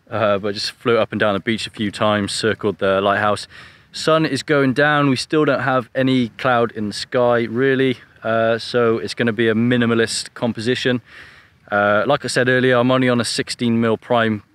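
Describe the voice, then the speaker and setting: Vlogging outdoors on a beach as the sun sets, a thirty-something man from England, a photography vlogger, keeps his talk to camera casual, chatty and a bit self-deprecating. His voice is mid-range. Faint outdoor noise reaches the camera-mounted mic he holds at arm's length.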